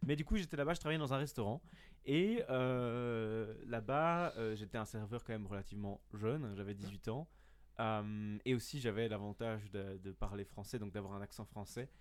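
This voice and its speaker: A man's voice: fairly low pitch, normal speed. Young man telling a story with fillers. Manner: hesitant, lots of fillers and self-mocking asides. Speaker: podcast guest. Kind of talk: casual storytelling chat.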